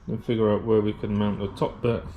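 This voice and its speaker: A man's voice: lowish voice, little pitch movement, a little fast, phone-quality sound, slight background noise. A man with a British English accent narrating a casual workshop vlog while building a race car, chatty and rambling with lots of fillers, a little out of breath from the heat. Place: hot garage workshop.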